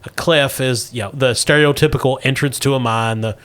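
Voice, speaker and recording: A man's voice: mid-range voice, steady tone, brisk, fairly bright tone, smooth. A man narrating a tabletop role-playing game as game master.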